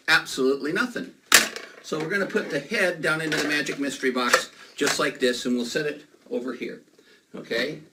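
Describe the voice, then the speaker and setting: Male kids party magician, higher-voiced, playful and exclamatory patter for children, noisy distant recording.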